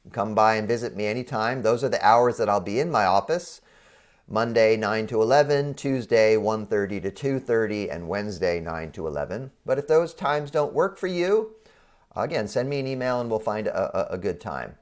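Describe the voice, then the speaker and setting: A man with a congested, frog-in-the-throat voice, under the weather, explaining an online course as a college professor in an informal, halting way. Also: fairly low pitch, lively intonation. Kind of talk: explanatory screen-share walkthrough for online students.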